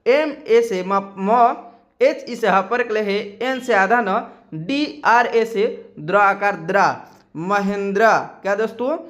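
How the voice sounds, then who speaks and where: A man's voice: high voice, a bit bright. A man teaching a spelling lesson in a voice-over, spelling letters out one by one and asking his viewers questions again and again. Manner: slow, spells out letters one by one, keeps asking "kya doston?". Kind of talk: screen-recorded Hindi spelling lesson.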